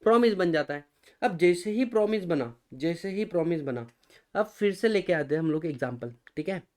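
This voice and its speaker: Indian male law tutor, a bit high-pitched, repetitive question-and-answer lecturing. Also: lively intonation, normal speed, darkish tone. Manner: quizzes students with repeated rhetorical questions; mixes Hindi and English, addresses students as guys. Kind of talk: recorded exam-prep lecture.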